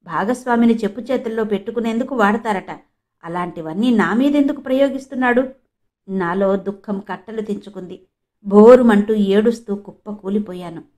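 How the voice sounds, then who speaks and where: A woman's voice: mid-range voice, normal speed, darkish tone. A woman from Andhra Pradesh narrating a novel in the first person with mournful, emotional storytelling. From Andhra Pradesh, India. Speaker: audiobook narrator.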